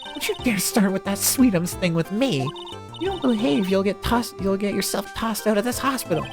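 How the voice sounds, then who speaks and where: A woman's voice: mid-range voice, expressive, quick pace, over music, lightly acted. A woman voicing a bossy, stern nurse in a video game, scolding as she orders people around. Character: bossy, forceful nurse scolding an old man. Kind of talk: video game role read aloud.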